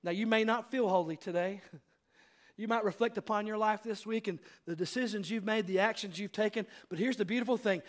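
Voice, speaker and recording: High-voiced male pastor preaching earnestly. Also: brisk. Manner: earnest preaching that swings between loud appeals and hushed asides. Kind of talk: sermon.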